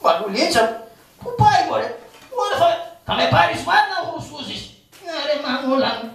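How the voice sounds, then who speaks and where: A man's voice: extremely high pitch, sing-song, vocal fry, a bit bright, slight background noise, full character voice. A man voicing a poor, cowardly, joking male trickster of shadow theatre, who stammers and babbles in fear on a live stage. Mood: puzzled joking. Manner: fearful comic babbling, stammers, calls on his mother. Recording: echoey live stage from a distance.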